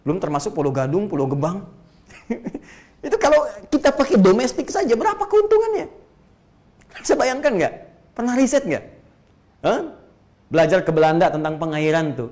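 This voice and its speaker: A man giving a religious lecture as a preacher, animated and rhetorical, with quick jokes and questions to the audience and repeated phrases for emphasis. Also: a little high. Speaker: Islamic preacher.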